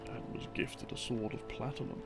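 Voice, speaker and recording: An audio roleplay narrator takes the part of a boyfriend explaining game lore, telling it as a soft, rambling story to help the listener sleep. He is breathy, often murmuring, and speaks haltingly in short phrases split by long pauses, with soft music underneath.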